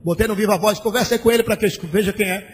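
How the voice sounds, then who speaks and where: A pastor preaching a sermon, shouting bursts and a sing-song cadence as he acts out conversations, in an old church recording. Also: high-pitched, racing. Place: large church. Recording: old church recording with long hall reverb and faint hiss.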